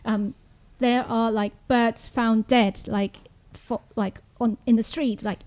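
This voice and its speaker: A woman from Hong Kong speaking on a panel, halting and full of "like" fillers. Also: a little high, steady tone, a little mellow. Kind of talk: panel talk.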